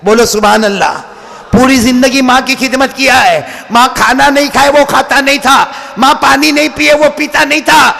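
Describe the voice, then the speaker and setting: A male preacher delivering an impassioned sermon, often shouting and urging the crowd to respond. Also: very high voice, normal speed, vocal fry. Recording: long hall reverb.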